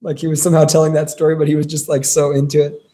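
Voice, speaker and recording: A man's voice: fairly high pitch, monotone, rapid-fire, mellow. A man giving an informal devotional sermon as a religious teacher, conversational and earnest in his delivery.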